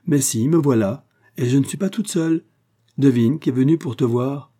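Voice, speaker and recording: A man's voice: medium pitch, moderate pace, dark tone, voice pushed up, close to an everyday voice. A man voicing a talkative, fussy elderly woman fruit-seller in an audiobook. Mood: insistent, fond. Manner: eager, talkative, effusive.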